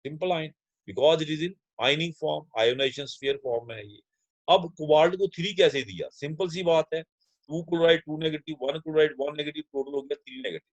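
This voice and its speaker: Male chemistry teacher, slightly high voice, dry close mic, explains step by step and answers his own questions. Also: no room sound, low-quality recording. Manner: addresses students as children. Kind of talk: classroom lecture mixing Hindi and English.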